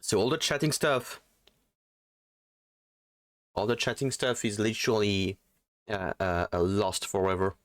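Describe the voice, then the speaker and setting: A man's voice: fairly low pitch, fairly even intonation, a little slow, long pauses, dry recording, clean studio sound. A man streaming from home into a desktop USB mic, chatting casually in a rambling, self-deprecating way full of fillers. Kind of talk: casual livestream chat.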